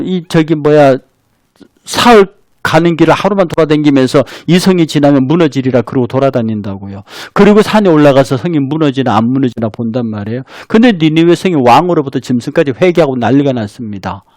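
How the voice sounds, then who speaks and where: A middle-aged man preaching a sermon in a fairly high voice that leaps up and down with lively swings. He talks straight to his congregation, acting out scenes with real animation. The sound is close and dry. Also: no room sound. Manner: animated, acts out quoted dialogue of God and Jonah; conversational, addresses the congregation directly. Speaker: pastor.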